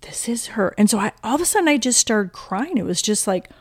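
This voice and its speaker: A woman's voice: mid-range voice, very animated, fast talker, a little mellow, slightly rough, no room sound, clean studio sound. A middle-aged woman telling a personal story in a casual conversation, emotional and vivid, acting out what people said. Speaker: guest, mother of the host.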